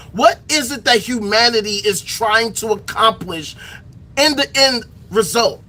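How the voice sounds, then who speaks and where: Reading aloud from a reference text, a male political commentary streamer launches into an impassioned solo rant at his viewers, firing repeated rhetorical questions laced with bursts of profanity. His voice is extremely high, pushed and bright, and the recording quality is low.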